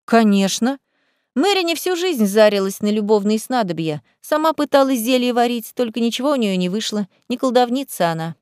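A woman's voice: fairly high pitch, lively intonation, brisk, a little mellow, clean tone, dry recording, studio quality, natural voice. A woman voicing Cornelia, a sly teasing cat familiar. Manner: lazy, teasing, mocking. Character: sly, greedy young female cat familiar. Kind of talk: audiobook character voice.

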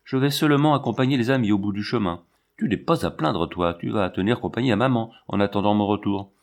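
A man's voice: lowish voice, fast talker, natural voice. A man reading an audiobook, voicing a cheerful young man who speaks in a light, teasing way.

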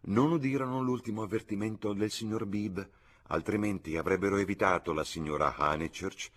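Male audiobook reader, low and husky, measured expressive delivery. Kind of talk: scripted audiobook narration.

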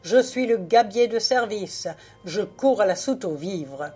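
A woman's voice: mid-range voice, animated, measured pace, slightly rough. Woman reading a hearty, boisterous sailor. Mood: mocking. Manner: loud, hearty exclamations. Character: boisterous jovial male sailor, mocking. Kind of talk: audiobook dialogue reading.

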